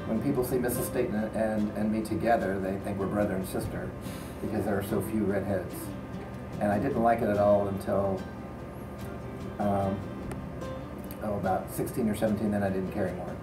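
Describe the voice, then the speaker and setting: A middle-aged man gives casual interview answers in a fairly low voice. He sounds like a coach, recorded in an echoey space away from the mic with music behind him. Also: little pitch movement, normal speed, pauses often, distant mic. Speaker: teacher and quiz team coach being interviewed.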